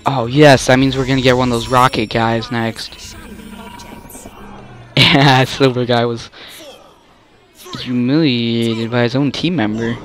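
A man's voice: mid-range voice, flat delivery, a little slow, long pauses, fairly bright tone, a little hiss or hum. A young man giving casual, rambling commentary while playing a video game, often stopping mid-sentence to react. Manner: rambling, self-interrupting, easily exasperated. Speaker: gamer.

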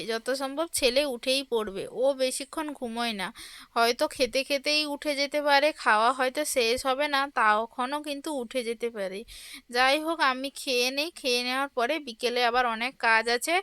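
A woman talks through her day at home in a relaxed, chatty vlog, speaking straight to her viewers. Her voice sits high and comes out smooth and clear. The sound is dry and close, with almost no room around it. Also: no echo. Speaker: home vlogger. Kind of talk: casual devotional home vlog narration. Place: home kitchen.

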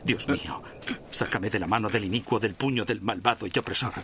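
An actor with a Castilian Spanish accent playing a solemn army major in a dubbed war film, reading scripture in a hushed manner. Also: male voice, lowish voice, fairly quick, background noise, natural voice.

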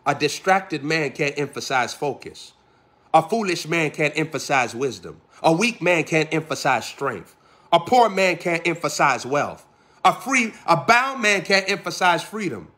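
A man a sermon in a fairly high, bright and forceful voice. He builds his points through rhythmic repetition, firing question after question at his listeners. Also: very animated, unhurried. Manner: preaching with rhythmic repeated phrases and pointed questions. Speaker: preacher.

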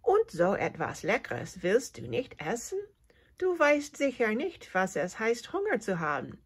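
A woman voicing a small, cheerful male cricket who is cold and hungry, with a thin, high, chirpy voice, in a storybook reading. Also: sing-song, slow pace, a bit bright, husky, full character voice. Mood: eager.

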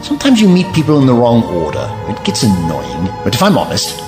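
An actor playing an eccentric, reassuring time traveller in an audio drama, theatrical and breezy. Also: male voice, medium pitch, huge pitch swings, a little fast. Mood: calm, curious. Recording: music behind the voice.

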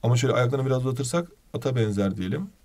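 A man teaching a video lesson, playful and animated, asking questions as he explains. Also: mid-range voice, rapid-fire.

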